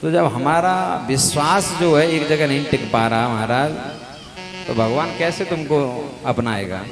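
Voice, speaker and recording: A man preaching a devotional sermon, telling sacred stories and sinking his voice low and soft at the ends of phrases. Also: unhurried, music in the background. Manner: storytelling, drops voice low and soft at line ends. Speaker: Bhagavat katha preacher. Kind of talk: devotional sermon with chanted Sanskrit verses. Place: live katha gathering with music accompaniment. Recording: musical instruments playing behind.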